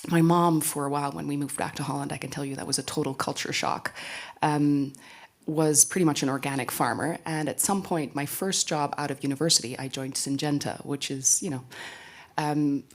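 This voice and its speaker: A woman's voice: sits low, fairly even intonation, brisk. A woman who grew up in Tanzania, speaking earnestly and conversationally on a panel. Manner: earnest, conversational, frequent "right?". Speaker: panelist, company founder. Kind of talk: panel discussion.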